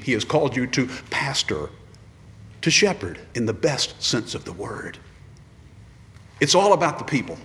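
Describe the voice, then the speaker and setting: A man's voice: medium pitch, a bit bright, slight background noise. A man preaching an earnest ordination sermon, repeating his refrains. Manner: earnest, repeats refrains, acts out quoted voices. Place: church. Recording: long reverb of a large church.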